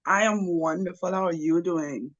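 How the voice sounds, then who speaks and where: A young woman from the Bahamas, a spiritualist guest, telling her story in a casual interview with fillers and lively asides. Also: on the low side, moderate pace, highs cut off.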